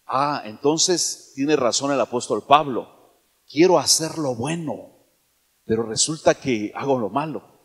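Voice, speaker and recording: Man, sermon, emphatic, rhetorical questions, high voice, reverberant church. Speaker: preacher.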